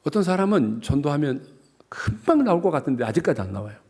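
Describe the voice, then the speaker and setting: Animated man preaching a revival sermon. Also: a little high, quick pace, husky. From South Jeolla, Korea. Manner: animated, joking preaching with dialect humor. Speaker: pastor.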